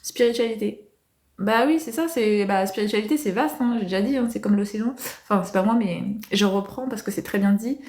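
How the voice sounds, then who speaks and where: A woman hosting a casual livestream, answering viewers' comments calmly and hesitating with many fillers. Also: mid-range voice, a little fast. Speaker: livestream host.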